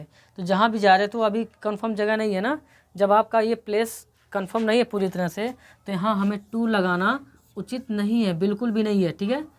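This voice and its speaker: Woman teaching English grammar step by step. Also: medium pitch. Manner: explains step by step, repeats and checks understanding. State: coming down with a cold. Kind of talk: grammar lesson.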